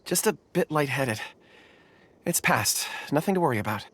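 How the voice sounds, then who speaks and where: Game companion: a reserved, wistful youngster, low-pitched, husky, unhurried and unsure. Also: female voice, lively intonation, full character voice. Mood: hesitant, uneasy. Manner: halting, hesitant, sighing. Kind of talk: video game voice acting.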